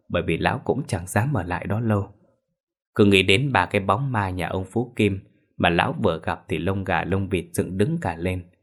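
A man narrating a ghost story in an expressive, dramatic way. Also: deep voice.

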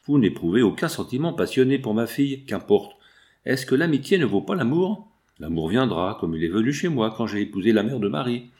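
A man's voice: medium pitch, sing-song, brisk, darkish tone. Man reading as a pleading rich father. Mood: desperate. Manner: pleading, then harsh and insistent. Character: anguished wealthy father, older industrialist, pleading.

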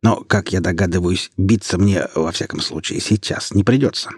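A man's voice: low-pitched, normal speed, a little mellow, slightly rough, no room sound, clean studio sound. A man voicing a bald, self-taught male mage with old-fashioned, courtly manners in an audiobook.

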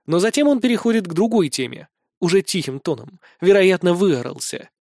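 High-voiced man narrating wryly. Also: big pitch swings, brisk, vocal fry, darkish tone, no echo, clean studio sound. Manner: wry, colloquial, with mild swearing. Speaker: audiobook narrator. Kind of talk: first-person fantasy narration.

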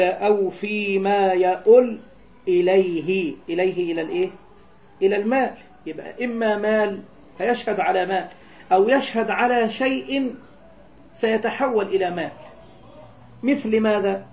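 A man's voice: high voice, darkish tone, dull audio. A man with an Egyptian accent teaching a classical jurisprudence text. He reads lines aloud and explains them, often asking the class questions and then answering them himself. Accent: Egyptian Arabic. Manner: alternates between reading the text aloud and explaining it in colloquial terms.

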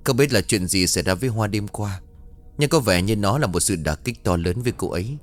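Guy doing a friendly younger neighbor, earnest, confiding, low voice, ghost story. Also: animated, a little fast, faint music behind, close to an everyday voice. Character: helpful younger man, a family friend.

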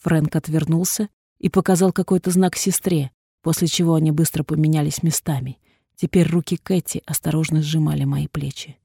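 A woman narrating a first-person audiobook with intense, dramatic delivery, sometimes dropping to a hush. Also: sits low, steady tone, fairly quick, creaky, slightly rough, dry recording, clean studio sound. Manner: intense, dramatic, hushed at times.

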